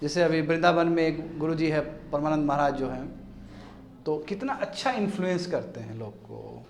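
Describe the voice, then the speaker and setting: Guy teaching a class, higher voice, keeps throwing questions at students, echoey room. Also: normal speed, a little hiss or hum. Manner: animated, asks students rhetorical questions. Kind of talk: classroom lecture.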